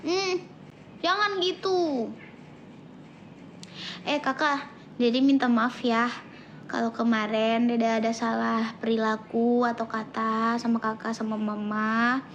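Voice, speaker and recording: A young woman vlogger chatting casually with viewers in a soft, sentimental way, sometimes dropping to a whisper. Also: on the high side, level tone, measured pace, dull audio, slight background noise. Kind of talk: casual chat reading viewer comments.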